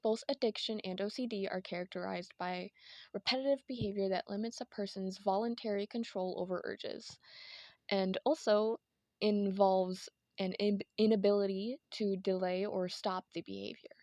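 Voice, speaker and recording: A woman's voice: mid-range voice, fairly even intonation, normal speed, darkish tone, dry recording. A woman with a lisp and whistling s, narrating an informal, partly scripted video essay into a headphone mic. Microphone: headset microphone from headphones.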